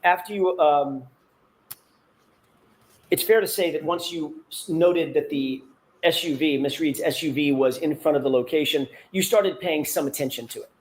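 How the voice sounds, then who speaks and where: A man's voice: on the high side, moderate pace, low-quality recording. A man working as a defense attorney, cross-examining a witness in a courtroom with pointed, methodical leading questions.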